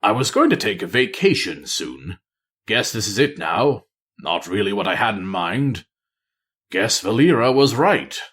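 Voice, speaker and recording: A man's voice: sing-song, a little slow, breathy edge, heavily acted. Man reading as a weary, wry spy master. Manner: low, quiet, wry murmur. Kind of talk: audiobook-style character reading.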